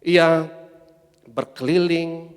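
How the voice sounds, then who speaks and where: A man's voice: fairly high pitch, steady tone, extremely slow, clean tone, in a large hall. A man preaching a sermon as pastor, emphatic, calling on the congregation to answer back. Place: large church hall.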